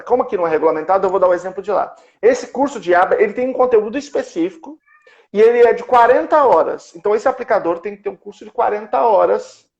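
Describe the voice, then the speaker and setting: Brazilian male professor, high-pitched, conversational, explains step by step with examples; muffled lo-fi sound. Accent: Brazilian Portuguese. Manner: explains step by step with worked examples, thinking aloud. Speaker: professor explaining a therapy method. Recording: dull lo-fi recording.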